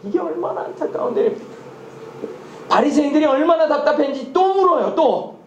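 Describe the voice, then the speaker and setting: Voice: high voice, expressive, brisk, echoey room, muffled recording, slight background noise. A pastor preaching a sermon and often asking the congregation rhetorical questions.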